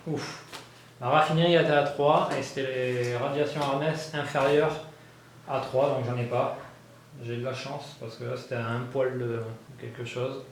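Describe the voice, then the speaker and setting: A man narrating his solo board game playthrough, thinking aloud with many fillers and bursts of excitement at dice rolls. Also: mid-range voice, unhurried. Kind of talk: casual thinking-aloud gameplay commentary. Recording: very echoey room with faint background noise.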